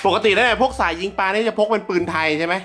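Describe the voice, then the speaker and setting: Excitable, foul-mouthed man hosting a vlog. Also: high voice, racing. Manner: excitable and coarse, joking with swear words; talks straight to viewers. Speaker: YouTube host. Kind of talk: casual vlog while clearing out a house. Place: in and around a house.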